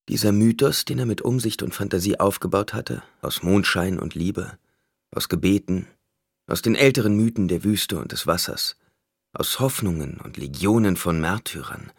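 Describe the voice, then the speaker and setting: A man narrating an audiobook in a measured, solemn reading. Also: low-pitched, animated, gravelly, husky, no echo, clean studio sound. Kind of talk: scripted narration.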